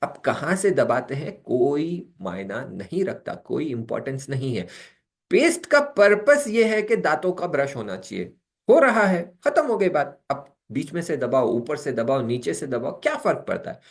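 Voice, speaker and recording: A man doing a happy-go-lucky wife who waves away every complaint in a breezy, lilting voice. Her pitch sits raised, and she talks as if nothing matters. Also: big pitch swings, normal speed. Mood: dismissive. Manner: breezy, dismissive, excusing. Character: carefree, cheerful wife who laughs things off.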